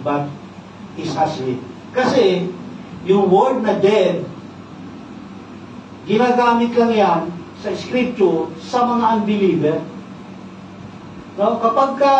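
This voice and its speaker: A man's voice: high voice, darkish tone. A man with a Filipino accent preaching a sermon, teaching with frequent "no?" tag questions and English terms mixed into his speech. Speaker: pastor. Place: church worship service. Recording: echoey church hall, distant mic, dull sound, faint noise.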